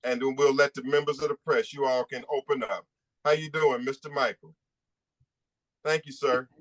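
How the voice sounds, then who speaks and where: A man's voice: mid-range voice, fairly even intonation, normal speed. A man who is a civil rights attorney giving an impassioned, emphatic statement at a press conference, repeating points for stress.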